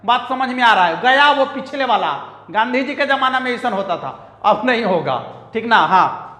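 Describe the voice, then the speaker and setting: A man's voice: extremely high pitch, lively intonation, moderate pace, sharp tone. A man teaching a math lesson, emphatic and repetitive, scolding and joking with students. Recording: echoey room with long reverb.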